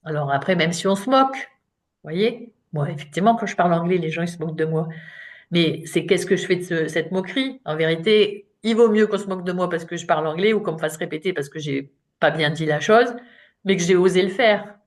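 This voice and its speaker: A woman's voice: fairly low pitch, brisk. A woman in her late fifties, a coach giving an informal talk in French, chatty and self-mocking with frequent fillers. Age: 50s. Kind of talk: live online talk to an audience.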